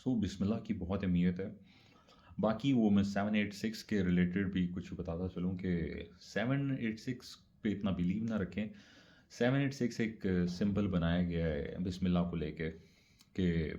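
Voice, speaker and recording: Man, low mellow voice, casual explainer, repeats points, dull lo-fi recording. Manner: conversational, repeats points, mixes English words. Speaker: speaker explaining religious practice. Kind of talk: casual religious explainer talk.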